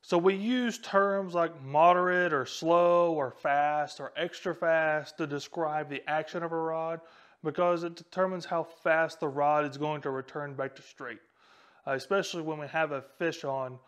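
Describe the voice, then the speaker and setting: Smooth-voiced man explaining fishing gear. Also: on the high side, fairly even intonation, unhurried, fairly bright tone. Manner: casual, talks straight to camera while handling rods. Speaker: fishing channel host. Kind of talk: instructional explainer. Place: small indoor room with a whiteboard and a tackle wall. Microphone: small lapel mic.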